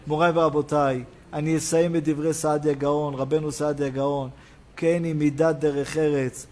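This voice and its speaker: A rabbi giving a Hebrew sermon, preaching emphatically and swinging between loud exclamations and quiet asides. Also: male voice, on the high side, flat delivery.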